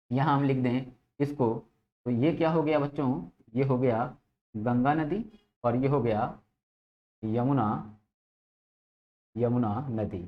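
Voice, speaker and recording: A man's voice: on the high side, darkish tone. Man teaching geography, repetitive and patient. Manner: repeats key words with frequent "ठीक है" checks; addresses students as children, asks and answers own questions. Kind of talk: exam-prep geography lesson. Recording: dull lo-fi audio.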